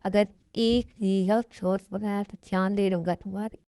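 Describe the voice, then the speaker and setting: A woman's voice: mid-range voice, fairly even intonation, a little slow, warm tone, no echo, clean studio sound, close to an everyday voice. A woman dubbing the part of a cold, threatening young mafia man who gives curt commands. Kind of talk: fan Hindi dub of a love story.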